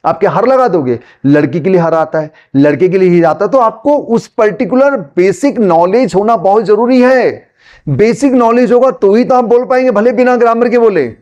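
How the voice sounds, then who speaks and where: A man from Gujarat with a Gujarati accent, a native Gujarati speaker, teaching spoken English in a relaxed conversational way and slowly repeating example sentences. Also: sits high, highs cut off. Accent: Gujarati-accented Hindi. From Gujarat, India.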